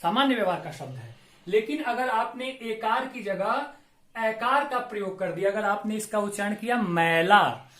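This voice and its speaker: A middle-aged man, a Hindi professor, giving a classroom-style lecture on pronunciation, spelling out each sound slowly and carefully. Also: sits high, animated, a bit bright, roomy sound. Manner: slow, deliberate, drawn-out enunciation of sounds. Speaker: Hindi professor teaching grammar.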